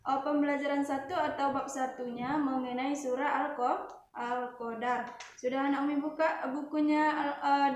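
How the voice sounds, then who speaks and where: A woman teacher with a high voice speaks gently to young pupils, calling them her children. She stumbles often, fixing her words with fillers as she goes. The room sounds echoey, with a faint hum of ambience behind her. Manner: motherly, addresses the children as "Nak"; many fillers and self-corrections. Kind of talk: online class lesson.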